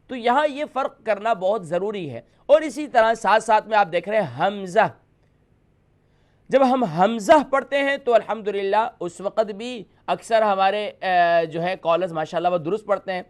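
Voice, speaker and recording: Brief: male TV teacher, high-pitched voice, patient and repetitive, demonstrates each sound on a studio mic. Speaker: host teaching letter pronunciation. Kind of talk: televised call-in lesson.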